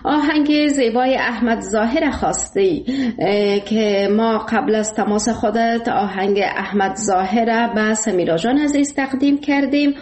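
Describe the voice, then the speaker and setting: A woman's voice: on the high side, a little mellow. A woman with an Afghan Dari accent hosting a radio call-in show, courteous and full of praise for her callers. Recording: echoey studio sound.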